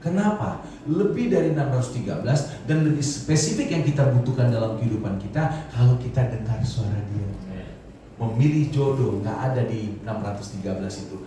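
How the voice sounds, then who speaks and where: Pastor preaching in an echoey hall. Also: male voice, mid-range voice, lively intonation, brisk, warm tone, distant mic, slight background noise. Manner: casual storytelling sermon with quoted voices and laughs. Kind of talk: sermon. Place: church hall.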